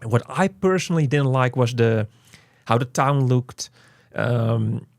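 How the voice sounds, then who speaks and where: Hosting his game review channel, a man chats casually through an unscripted video game review, rambling and often repeating words and phrases. His mid-range voice runs a little slow, captured with studio quality and no room sound.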